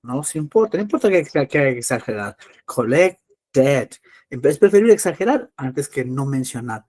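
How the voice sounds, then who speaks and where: A man teaching an English class in Spanish, patiently repeating words slowly to drill pronunciation. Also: mid-range voice, big pitch swings, darkish tone.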